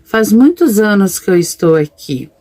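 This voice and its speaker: A woman's voice: mid-range voice, very animated, moderate pace, dark tone. A woman voicing the sad ghost of a little girl, speaking plaintively in a ghost story.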